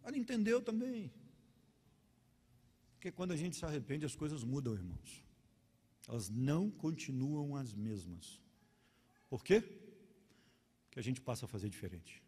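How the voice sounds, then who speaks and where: Husky animated Carioca pastor preaching. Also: male voice, mid-range voice, normal speed, pauses often. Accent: Carioca Portuguese. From Rio de Janeiro. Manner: animated storytelling, acting out quarrels. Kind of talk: sermon. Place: church hall. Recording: long church hall reverb.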